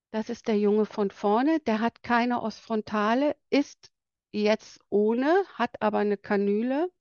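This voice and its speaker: A woman with a light, bright voice giving an earnest presentation about palliative care for children, pausing now and then to search for words. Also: on the high side, no echo, dull audio. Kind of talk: presentation to an audience.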